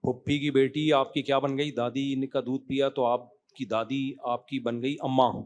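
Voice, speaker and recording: A man's voice: mid-range voice, flat delivery, a little mellow. A man giving a religious lecture as an Islamic scholar, talking emphatically and conversationally, with frequent rhetorical questions to his listeners, then answering their questions.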